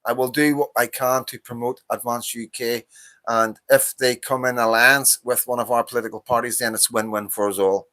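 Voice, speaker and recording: Speaking at a normal speed with a sharp tone and little pitch movement, a medium-pitched man in his fifties from Northern Ireland hosts a livestream. He rants about politics in a casual monologue, profane, fired up and repetitive.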